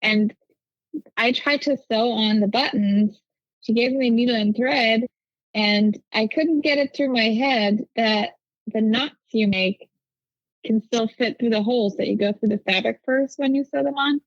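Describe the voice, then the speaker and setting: A woman's voice: fairly high pitch, measured pace, dry recording, dull audio. A young woman from Germany whose first language is German, chatting casually and upbeat as a podcast guest. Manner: chatty, upbeat, with frequent "like" and "you know". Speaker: guest, quilt pattern designer. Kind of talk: casual interview chat.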